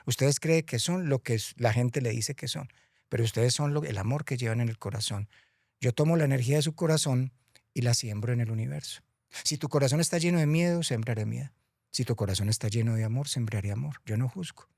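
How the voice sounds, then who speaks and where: A man voicing calm, soft-spoken Death. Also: mid-range voice, gravelly, no echo, studio quality. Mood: serene. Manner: slow, soft and measured. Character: calm wise female Death, gentle sower of souls.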